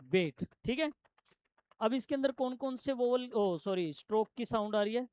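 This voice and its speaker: A man teaching shorthand to a classroom, explaining step by step and quizzing his students with quick questions. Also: very high voice, a little mellow, smooth, no room sound. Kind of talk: classroom lesson.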